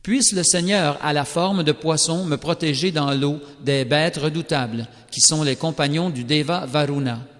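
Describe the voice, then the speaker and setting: A man reads a sacred text aloud in a slow, solemn, carefully measured recitation. His voice sits a little higher than most men's, and a long reverb hangs after each phrase. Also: a bit bright. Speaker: scripture reader. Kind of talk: scripted scripture reading. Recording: long reverberant hall sound.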